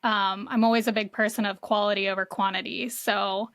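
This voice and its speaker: A woman's voice: medium pitch, little pitch movement, a little fast, a bit bright, clean tone, no room sound, studio quality. A woman guest on a podcast, explaining marketing casually with many "like" fillers. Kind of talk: conversational interview.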